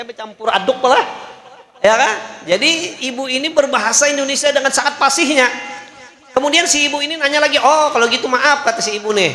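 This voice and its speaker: A man's voice: extremely high pitch, sharp tone. A man preaching, telling a story in a sermon with a jovial manner, laughing often and checking in with the audience. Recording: echoey hall.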